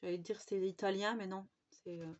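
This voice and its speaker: A scrapbooking vlogger chats enthusiastically through a haul of craft supplies, full of fillers and restarts. She speaks at a medium pitch and moderate pace with fairly even intonation, in a muffled recording with faint background noise and clicks.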